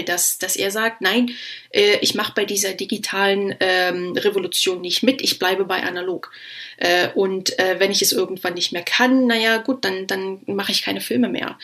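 A woman's voice: mid-range voice, a bit bright. A woman who is a guest film scholar on a podcast, explaining her subject in a loose, hesitant way with many fillers and restarts. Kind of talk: casual expert discussion.

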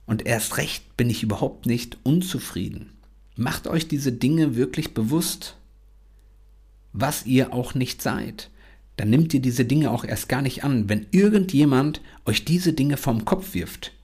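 Slow, husky German-speaking man. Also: mid-range voice, darkish tone. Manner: slow, earnest, repeats self-affirmations. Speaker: podcast host. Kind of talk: motivational podcast monologue.

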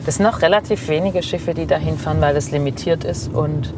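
A woman's voice: low-pitched, background noise. A woman from Swabia, a travel blogger telling stories in a casual interview with lots of fillers. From Swabia, Germany. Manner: lively storytelling, many fillers and quick agreement. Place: passenger seat of a moving car.

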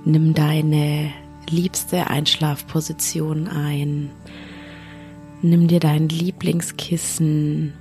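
A woman who is a podcast host and yoga teacher, guiding a sleep meditation in a soft, slow voice that often drops to a half-whisper. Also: sits low, little pitch movement, faint music behind.

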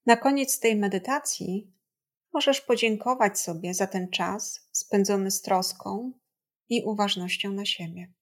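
A woman leads a guided body scan meditation at a slow, unhurried pace. Her delivery is calm and soothing, with a medium-pitched voice that has a creaky edge. She speaks gently and leaves long pauses between instructions.

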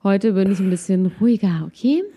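A woman's voice: medium pitch, a little fast, warm tone, breathy edge. A woman co-hosting a podcast, chatting in a giddy, self-mocking way about celebrity gossip. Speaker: podcast co-host. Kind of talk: casual gossip chat.

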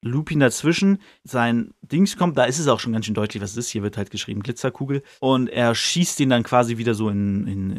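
A young man chats through a book chapter on his podcast. His talk is slangy and full of fillers, and his voice sits at a middling pitch. The recording is dry and close. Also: no echo. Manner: slangy, chatty, many fillers. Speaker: podcast host. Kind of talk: casual retelling of a book chapter.

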